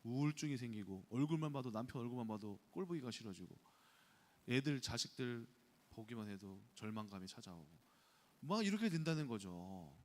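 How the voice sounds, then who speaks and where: Animated male pastor in echoey church. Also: mid-range voice, fairly quick. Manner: animated storytelling, acting out his own quoted thoughts. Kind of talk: sermon. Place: church sanctuary. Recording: long church reverb.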